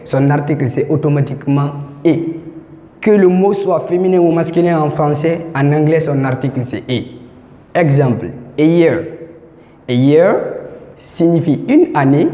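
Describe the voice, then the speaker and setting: A man teaching a grammar lesson in a fairly high, dark and mellow voice. He explains patiently and keeps repeating the key points. The voice rings with a long, echoey reverb. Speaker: English teacher.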